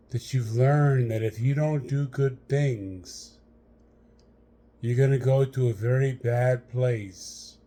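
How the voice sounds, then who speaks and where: A man with a mellow, mid-range voice leads a guided meditation, speaking straight to the listener in short, measured phrases separated by long pauses.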